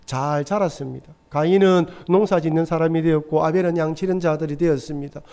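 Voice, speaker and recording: With a fairly high, mellow and smooth voice, a middle-aged man speaks briskly as he preaches. The pastor's sermon, given in a church sanctuary, is earnest storytelling in which he acts out quoted voices.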